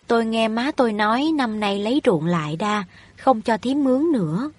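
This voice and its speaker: A woman's voice: a little high, lively intonation, moderate pace. A woman voicing a haughty wealthy young woman in a storybook reading, scolding and overbearing. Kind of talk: audiobook reading of a novel.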